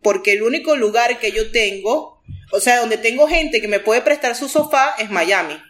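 A woman's voice: fairly high pitch, expressive, normal speed, a bit bright. A woman from Venezuela with a Venezuelan Spanish accent, talking casually and rambling with lots of fillers as an interview guest. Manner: chatty, rambling, frequent fillers.

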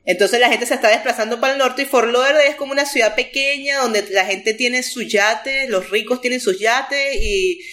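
A woman's voice: fairly high pitch, moderate pace, hardly any pauses, fairly bright tone. A woman from Venezuela with a Venezuelan Spanish accent, talking casually and rambling with lots of fillers as an interview guest. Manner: chatty, rambling, frequent fillers.

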